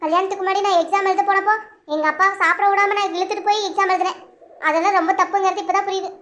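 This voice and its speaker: Anxious pleading young wife in a cartoon, voiced by a woman, very high voice, fast talk. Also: fairly even intonation, fairly bright tone. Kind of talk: cartoon voice acting.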